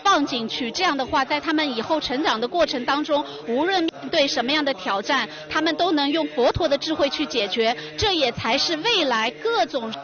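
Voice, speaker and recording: A woman's voice: high voice, expressive, brisk, few pauses, music in the background. A woman guest at a temple ceremony answering interview questions fluently and earnestly. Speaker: interviewee, Buddhist event guest. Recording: slightly dull lo-fi audio with a crowd behind. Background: crowd.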